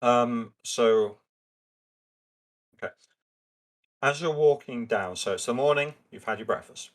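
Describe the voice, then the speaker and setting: Male game master, unhurried and halting, mid-pitched, improvising narration for a tabletop session. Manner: halting, improvised, thinking aloud.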